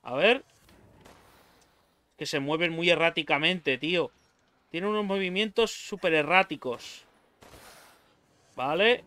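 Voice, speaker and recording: A man's voice: a little high, unhurried, pauses often, bright, forceful tone. A young man with a Spain Spanish accent doing let's play commentary on a horror game, swearing freely and yelping in fright. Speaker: gaming YouTuber.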